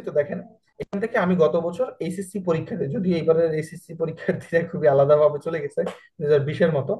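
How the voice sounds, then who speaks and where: A man's voice: fairly high pitch, low-quality recording. A man with a Bangladeshi Bengali accent teaching a video editing class, chatty, often checking that students follow and mixing in English words. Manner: chatty, asks students frequent check questions; mixes English words into his talk. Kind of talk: screen-share tutorial class.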